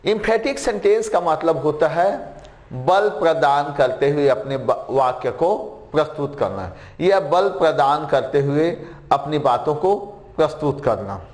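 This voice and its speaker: Slow, repetitive male grammar teacher. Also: fairly high pitch, animated, roomy sound. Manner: slow, repeats key phrases and examples; reads English sentences word by word. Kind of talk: Hindi grammar lesson.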